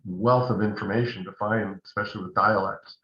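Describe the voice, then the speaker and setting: A man's voice: on the low side, steady tone, a little fast, sharp tone. An older man, an actor and acting coach, telling rambling anecdotes in a casual interview over the phone. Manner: rambling, anecdotal, many asides. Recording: echoey dull phone line.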